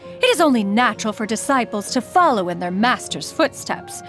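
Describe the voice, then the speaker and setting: This is a proud immortal crane spirit from a video game, an inventor who talks in stately, archaic phrases and refers to herself as "one". Her voice sits somewhat high, and she can be haughty and teasing at once. Faint music plays underneath. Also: big pitch swings, normal speed, a bit bright. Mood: lofty. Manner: formal, archaic speech, calls herself "one". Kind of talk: video game character voice lines.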